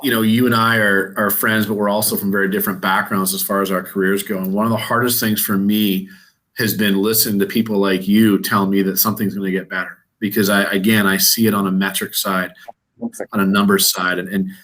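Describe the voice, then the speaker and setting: A man's voice: lowish voice, little pitch movement, a little fast, fairly bright tone, low-quality recording. A man moderating a casual panel discussion, talking conversationally with frequent restarts.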